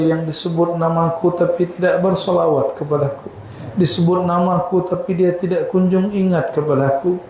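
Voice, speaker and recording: A man's voice: on the high side, dark tone, a little hiss or hum. A middle-aged man leading a fervent, pleading prayer with repeated invocations at a religious study evening. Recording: very echoey hall, faint ambience.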